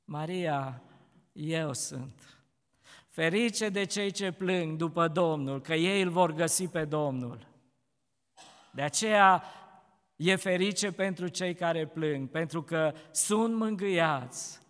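A man preaching a sermon, rising into impassioned, pleading speech. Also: fairly bright tone. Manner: rises to an impassioned, pleading pitch when voicing grief. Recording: long hall reverb.

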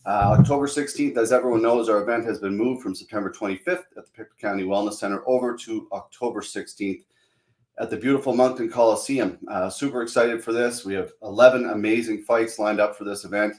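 A man's voice: fairly low pitch, steady tone, brisk. A hungover man hosts a podcast in a casual, hesitant way full of uhs. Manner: informal, hesitant, frequent uhs. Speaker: podcast host. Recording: roomy, echoing sound.

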